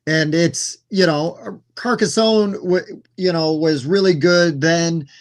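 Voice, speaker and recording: A relaxed man with a fairly high voice talks in a casual podcast chat. He tells his story in a rambling way, with lots of fillers. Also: slow pace. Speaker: podcast host.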